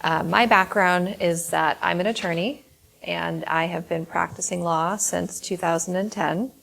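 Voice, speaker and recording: A woman's voice: lowish voice, steady tone, unhurried, creaky, a bit bright. A woman attorney opening a presentation in an earnest, somewhat hesitant way with frequent fillers. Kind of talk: prepared presentation.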